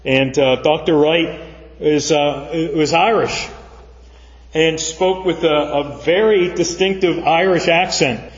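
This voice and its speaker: A man's voice: fairly high pitch, steady tone. Male pastor preaching in a reverberant church. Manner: earnest, measured preaching with fillers. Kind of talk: sermon. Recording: dull sound, long church reverb.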